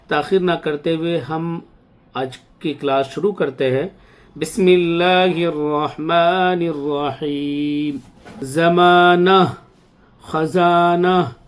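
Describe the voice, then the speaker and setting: A man teaching an online Urdu reading lesson, patiently explaining and then reading single words slowly and drawn out for practice. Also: on the high side, a little mellow.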